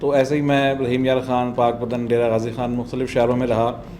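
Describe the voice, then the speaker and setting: A middle-aged doctor and motorbike traveller from Multan, South Punjab, Pakistan, speaks with a southern Punjab accent as a podcast guest, telling his story conversationally. His medium-pitched voice is a little mellow, with a flat, slightly fast delivery. Slight background noise can be heard.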